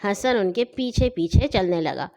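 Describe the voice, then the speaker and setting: A woman narrating a funny children's story in an expressive storytelling manner. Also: mid-range voice.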